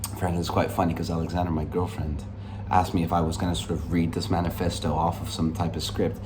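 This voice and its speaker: This Dutch vlogger in his twenties, from the Netherlands, rambles cocky and upbeat through a casual, unscripted vlog monologue in a London room. He has a mixed American-international accent and a deep voice, talks fast with a flat delivery, and the background is noisy.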